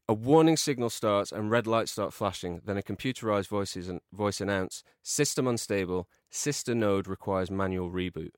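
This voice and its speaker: A man co-hosting a podcast, reading out a comic film pitch with deadpan storytelling delivery. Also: no echo, clean studio sound. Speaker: podcast co-host.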